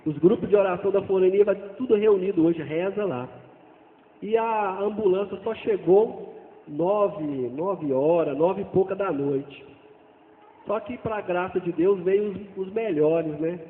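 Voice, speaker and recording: A man with a fairly high voice gives an earnest personal testimony as a father. He speaks haltingly, stumbling and repeating phrases. The sound is tinny and phone-like, with a long echo from a big hall. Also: slight background noise. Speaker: father giving a church testimony.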